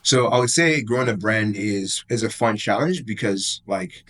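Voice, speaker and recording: A man in his thirties from Nigeria, a brand founder talking as a podcast guest, rapid and casual, packing his sentences with "like" and "you know what I mean". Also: fairly low pitch, a bit bright, husky. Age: 30s.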